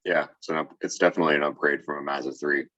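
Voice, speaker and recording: A man's voice: a bass voice, fairly even intonation, rapid-fire, pushed and bright, dry recording, dull audio. A man co-hosting a casual podcast chat, goofy and playful in his banter. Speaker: podcast co-host.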